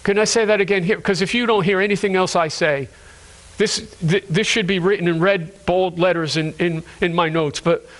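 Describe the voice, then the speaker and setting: High-voiced impassioned male preacher. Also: fairly even intonation, fairly bright tone. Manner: impassioned, rising to high cries then dropping low and slow; repeats and restarts words while preaching. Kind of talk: sermon.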